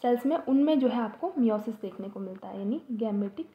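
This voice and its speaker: A woman's voice: fairly high pitch, animated, moderate pace. Echoey woman teaching biology. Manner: explains with rhetorical questions, checks in with "theek hai". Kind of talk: exam-prep biology lecture. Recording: echoey room, dull lo-fi sound.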